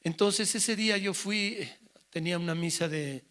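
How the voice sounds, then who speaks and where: A man's voice: high-pitched, a little slow, fairly bright tone. A male pastor, telling a personal story in a sermon and acting out the dialogue. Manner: emotional personal storytelling, acts out quoted dialogue.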